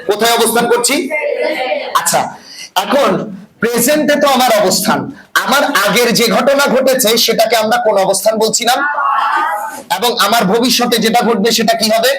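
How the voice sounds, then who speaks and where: Man, high voice, classroom teacher, echoey room, chattering students behind. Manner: asks the class frequent check-in questions. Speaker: English teacher. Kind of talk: classroom lecture.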